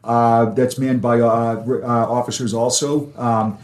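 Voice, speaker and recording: Male interview guest, mid-pitched, earnest and emphatic, plain talker who repeats key words, echoey room sound. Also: flat delivery, a little slow, darkish tone. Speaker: guest, advocate for officer mental health and peer support.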